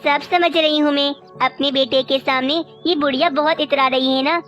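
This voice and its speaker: A woman's voice: high-pitched, steady tone, moderate pace, fairly bright tone, soft background music. A woman voicing a spoiled, scheming young wife crow who talks sharply and scornfully, in a cartoon. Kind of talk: cartoon voice acting.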